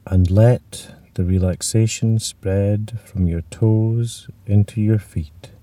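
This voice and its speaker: Calm low-ish guy talking slow and soothing, dry recording, drifts into whispers. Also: far from the mic. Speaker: relaxation guide. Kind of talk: guided relaxation script.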